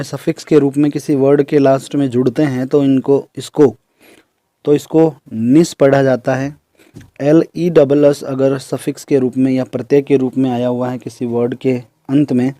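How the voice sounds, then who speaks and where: A man teaching English pronunciation in a recorded lesson, explaining slowly and listing example words one by one. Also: mid-range voice, little pitch movement, warm tone, dry recording. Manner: explains slowly, repeats terms in Hindi and English.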